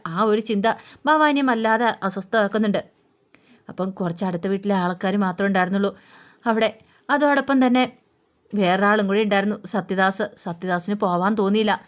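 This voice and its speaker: Woman retelling a serial, casual and colloquial. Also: medium pitch. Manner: colloquial, with filler hums. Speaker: storyteller.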